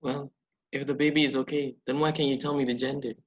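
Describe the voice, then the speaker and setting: A man as a worried new mother, fast-talking. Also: medium pitch, flat delivery, lightly acted. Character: worried new mother questioning her baby's doctor. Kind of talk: rehearsed medical counselling role-play. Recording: dull, muffled lo-fi microphone.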